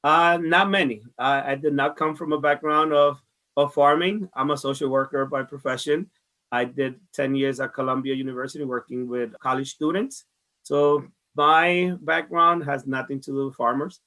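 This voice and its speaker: The speaker is a Dominican man who directs a farmers market, interviewed at a moderate pace. His voice is on the high side, steady, pushed and bright, with a Dominican Spanish accent. He gives earnest, conversational answers and often repeats himself.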